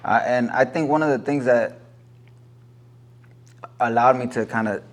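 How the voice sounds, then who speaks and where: A man's voice: medium pitch, unhurried. Earnest man in his thirties from LA. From Los Angeles. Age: 30s. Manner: earnest, reflective, slips into Spanish. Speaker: guest, corrido singer. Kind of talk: casual interview chat.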